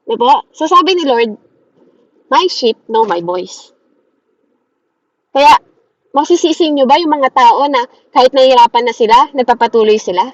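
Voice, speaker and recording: A woman with a high voice preaches a daily devotion. The sound is dry and close. She speaks earnestly, keeps drawing in her listeners with quick rhetorical questions, and slows down to stress the verses she quotes. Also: dry recording, lo-fi sound. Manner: checks in with listeners through constant short rhetorical questions.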